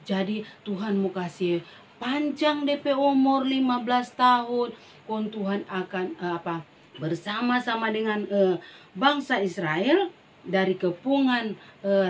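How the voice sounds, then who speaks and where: A woman, teaching a children's Bible lesson in an animated storytelling manner and talking straight to the kids. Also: medium pitch, a little slow, slight background noise. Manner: animated, addresses the children directly.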